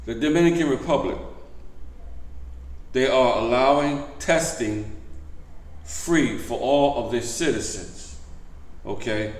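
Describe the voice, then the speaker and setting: A man's voice: medium pitch, takes it slowly, pauses often. A man hosting a vlog, giving a casual update to viewers and repeating key points with emphasis. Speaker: vlog host. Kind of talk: casual news update to camera. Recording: echoey room.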